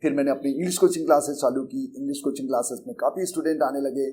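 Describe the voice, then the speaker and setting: Racing along in a mellow, medium-pitched voice, a middle-aged man with an Indian accent delivers a Hindi lecture on learning English. He's an English teacher who founded a coaching institute, and he teaches in an earnest, conversational way, dropping English terms into Hindi and often saying things twice.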